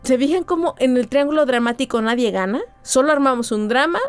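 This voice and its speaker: A woman, explaining a concept in an expressive way and illustrating it with personal examples. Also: high-pitched, fairly quick, clean tone, soft background music. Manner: expressive, acts out quoted voices. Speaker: speaker explaining relationship psychology.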